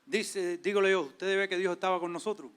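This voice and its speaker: Animated man telling a story. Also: high-pitched, fairly quick, clean tone. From Cuba. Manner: animated, acts out quoted voices. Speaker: church servant leader, guest. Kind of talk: testimony storytelling.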